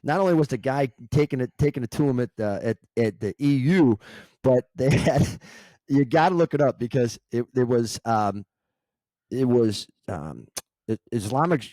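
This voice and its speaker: A man's voice: medium pitch, moderate pace, warm tone, dry recording. A man co-hosting a casual podcast from home over a video call, joking and laughing often. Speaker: podcast co-host.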